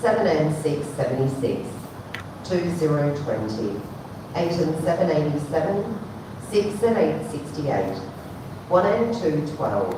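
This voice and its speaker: A woman calls bingo at a slow, measured pace in a slightly low voice. Each call follows a sing-song formula, digits first and then the number, falling at the end. The sound is heavily echoing and noisy. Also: very animated. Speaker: bingo caller. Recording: very echoey, distant, noisy hall PA.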